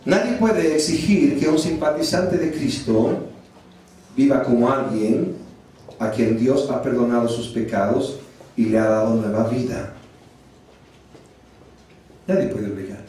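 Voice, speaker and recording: A man preaching a sermon as pastor, lively, asking the congregation questions and acting out little scenes. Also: medium pitch, unhurried, a little hiss or hum. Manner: lively preaching with acted-out voices and rhetorical questions. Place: church. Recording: echoey church hall, distant mic.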